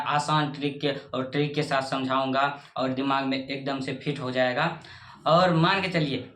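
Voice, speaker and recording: A man's voice: a little high, fairly bright tone. Man w a teaching urdu letters, repeats everything twice, sure of himself, echoey room. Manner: repetitive, says each point twice, confident promises. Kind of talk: casual teaching of the Urdu alphabet.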